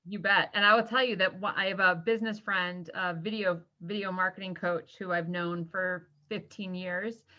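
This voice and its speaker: A woman guest on a podcast interview, chatty and quick to laugh. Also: fairly low pitch, steady tone, dull audio. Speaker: guest, social media strategist.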